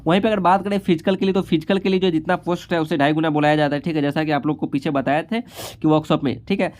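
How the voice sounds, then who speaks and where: An exam-prep instructor gives an informal rundown of exam cut-offs and statistics at a quick pace, his fairly high voice steady and darkish in tone. He keeps adding a brief confirming tag after nearly every phrase.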